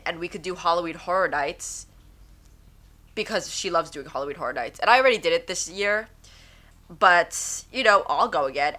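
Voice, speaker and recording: A woman's fairly low, sharp-toned voice carries her home podcast, where she chats casually and rambles on. She has a stuffy nose, so she sounds nasal throughout.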